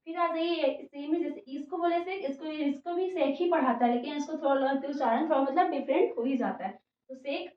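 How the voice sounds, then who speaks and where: High-voiced woman teacher in an echoey room. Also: fairly quick. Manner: spells words out letter by letter, repeats "theek hai" often. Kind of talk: English spelling and pronunciation lesson. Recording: muffled, echoey room, voice from a distance.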